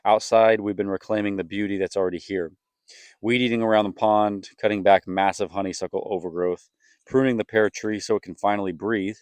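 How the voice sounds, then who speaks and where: A man's voice: on the low side, fairly even intonation, fairly quick, darkish tone, clear, resonant tone, no room sound. A young man reading a scripted vlog voice-over as an earnest storyteller. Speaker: family vlogger, co-host.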